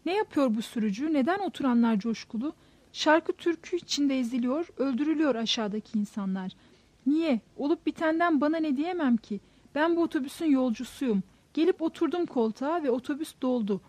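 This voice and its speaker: A woman's voice: sits high, expressive, a little fast, darkish tone, dry recording. A woman voicing the inner thoughts of an anxious, troubled man riding a bus, in a tense, questioning way. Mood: frantic.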